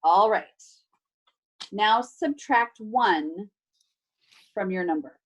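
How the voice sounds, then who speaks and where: In a remote video class, a female teacher reads a children's book to her pupils with expressive, instructive delivery, playful stresses, and offhand asides. She speaks very slowly at a medium pitch with a breathy edge, and the recording sounds muffled.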